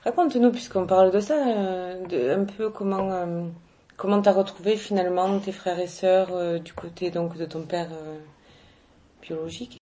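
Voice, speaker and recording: Soft-spoken southern French woman interviewer. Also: on the low side, fairly even intonation, normal speed, slight background noise. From south of France. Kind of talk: casual conversational interview.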